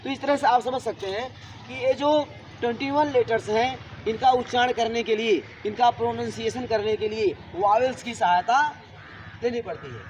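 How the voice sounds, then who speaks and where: Male teacher, high-pitched, drilling a class with repeated questions; faint outdoor noise behind. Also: moderate pace, rough recording. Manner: repetitive, asks students questions. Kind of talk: classroom grammar lesson.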